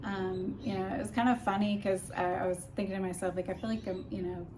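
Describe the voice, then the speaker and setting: A fast-talking woman vlogger with a steady mid-range voice gives a personal update on her recovery, explaining practical tips in a casual, informal way. You can clearly hear background noise.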